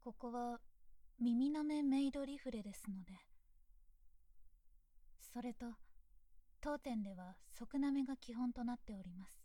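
A young woman playing a composed, very polite maid, speaking in soft close whispers in an ASMR roleplay. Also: fairly high pitch, a little slow, pauses often, dry recording, lightly acted. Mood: courteous. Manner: formal, very polite and calm.

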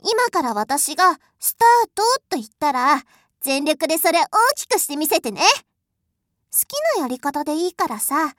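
A woman's voice: high-pitched, lively intonation, normal speed, fairly bright tone, no echo. A woman voicing a haughty, spoiled rich young lady who is bossy, cruel and scornful, in an audio drama. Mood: mocking. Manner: imperious, scornful, mocking. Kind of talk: adult audio drama role-play.

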